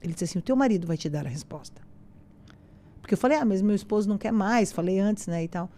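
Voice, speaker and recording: A woman shares a personal faith testimony as a podcast guest. Her voice sits at a middling pitch with a soft, mellow tone. She tells the story casually and with animation, acting out the lines of the people she quotes. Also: fast. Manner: animated storyteller who acts out quoted dialogue.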